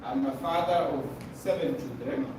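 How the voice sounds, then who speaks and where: A man's voice: a little high, moderate pace. An older man from Zambia, a pastor and consultant, telling his story to a seminar audience with many fillers and restarts. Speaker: presenter at a business seminar. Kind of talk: testimonial talk to an audience. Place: meeting room with a projector. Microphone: far camera. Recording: echoey room from far off, noisy.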